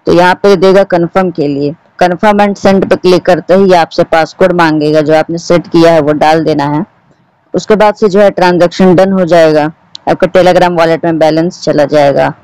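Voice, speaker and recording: A man's voice: on the high side, darkish tone, clean tone, no room sound, poor audio. A man hosting a tech channel, giving a plain step-by-step app tutorial over a screen recording. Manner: instructive, repeats steps plainly. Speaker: tech YouTuber host.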